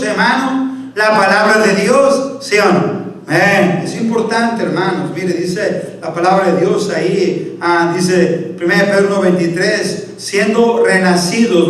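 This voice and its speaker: Man, pastor, sermon, keeps saying brother, high voice, heavy church echo, distant mic. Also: a bit bright. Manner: repeatedly addresses listeners as "hermano"; reads scripture and asks the congregation "¿sí o no? Amén". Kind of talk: Baptist sermon. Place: church sanctuary.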